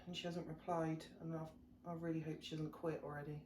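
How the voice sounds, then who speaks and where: A woman's voice: deep voice, flat delivery, fairly quick, a little mellow, roomy sound, slight background noise. A woman chatting casually with her partner on a family vlog. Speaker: family vlogger, mother. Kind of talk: casual chat.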